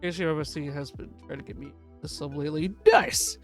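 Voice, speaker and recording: A woman hosting a live gaming stream, excitedly calling a race like a sportscaster for her viewers. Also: low-pitched, fast, soft background music. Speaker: livestream host.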